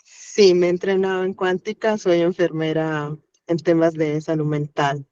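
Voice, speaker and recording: A woman's voice: on the low side, level tone, a little slow, mellow, smooth, muffled recording. A woman with a Colombian Caribbean coast accent, sharing thoughts in a workshop, thoughtful and hesitant with fillers. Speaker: workshop participant.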